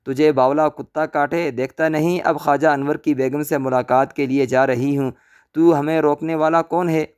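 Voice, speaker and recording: A man voicing a scheming old woman in a storybook tale, flattering one moment and hurling curses the next. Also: fairly high pitch, clear, resonant tone, close to an everyday voice. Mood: shrieking. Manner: flattering, then shrieking curses. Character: scheming old crone, wheedling and loud.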